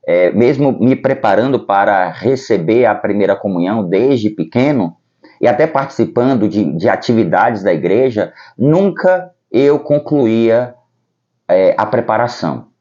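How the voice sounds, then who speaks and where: Man, Brazilian accent, priest giving personal testimony, low mellow voice, dull lo-fi sound. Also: animated, a little slow. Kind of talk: personal vocation testimony to camera. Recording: dull lo-fi recording.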